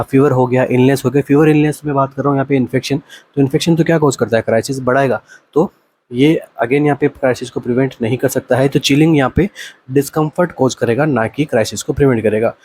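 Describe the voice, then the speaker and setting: A man's voice: medium pitch, darkish tone, husky. Man explaining nursing exam questions. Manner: asks rhetorical questions and answers them, reads English options slowly. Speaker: nursing exam coaching teacher. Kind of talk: explaining exam questions in Hindi-English mix.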